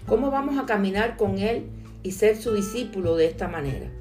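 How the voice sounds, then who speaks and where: Earnest woman preaching over soft guitar. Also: medium pitch, expressive, fairly quick. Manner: earnest, asks the listener many questions. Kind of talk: devotional sermon with scripture reading.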